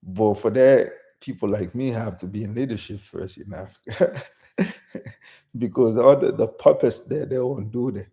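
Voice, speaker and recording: Gravelly low-voiced man from Guinea. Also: normal speed, dark tone. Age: middle-aged. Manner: unscripted, many restarts and "you know". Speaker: channel host. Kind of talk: casual solo live stream.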